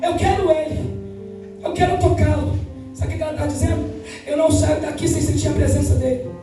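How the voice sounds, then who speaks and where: A woman missionary preaching a fervent Pentecostal sermon, often shouting and half-singing her phrases. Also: high voice, a little fast. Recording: echoey church from far off with music.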